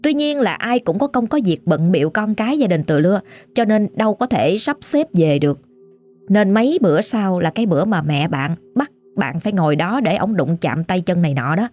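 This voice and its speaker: A woman's voice: fairly low pitch, lively intonation, normal speed, a little mellow, soft background music. A woman with a Southern Vietnamese accent telling a ghost story in a chatty, dramatic way, speaking to the listener directly.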